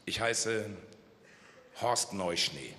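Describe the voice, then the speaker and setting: A man's voice: on the low side, lively intonation, very slow, bright, forceful tone, pitched below the performer's own voice, heavily acted. A man voicing a coy, muscular male ski instructor in a comic carnival speech. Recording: long hall reverb, faint crowd noise.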